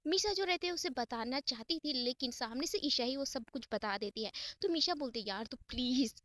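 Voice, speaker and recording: A woman telling a story in a chatty, offhand manner, dropping English words into her sentences. Her voice is high, and the recording is close and completely dry. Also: lively intonation, brisk, a bit bright, dry recording. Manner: chatty, mixes English into Hindi. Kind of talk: casual spoken storytelling.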